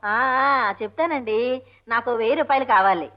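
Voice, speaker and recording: An actress playing a naive, chatty young wife who speaks sweetly and coaxingly in an old film comedy. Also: female voice, a little high, moderate pace, lightly acted. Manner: sweet, coaxing, hard of hearing. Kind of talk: 1970s Telugu film comedy. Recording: dull lo-fi film soundtrack.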